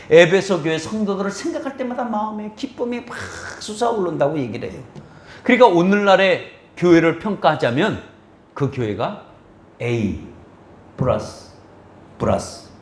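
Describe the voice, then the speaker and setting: A man's voice: high-pitched, roomy sound. A male pastor preaching a sermon in a church, questioning the congregation and acting out quoted voices. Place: church sanctuary.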